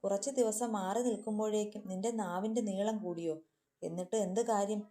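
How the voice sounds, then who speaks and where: A woman narrator reads a bullying husband, contemptuous and threatening. The voice stays mellow and close to her own. It is a male role in a storybook. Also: mid-range voice, fairly even intonation, a little fast, natural voice. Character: angry, domineering abusive husband.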